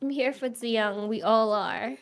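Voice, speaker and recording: A woman's voice: a little high, measured pace. A young woman streaming live, chatting casually with her viewers, reacting and laughing often while answering chat.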